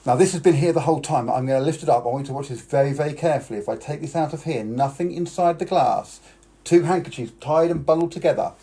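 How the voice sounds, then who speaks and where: A fast-talking British man with a warm, fairly high voice is doing a children's party magic act on a live stream. He narrates each trick for the boys and girls and coaxes them into joining in.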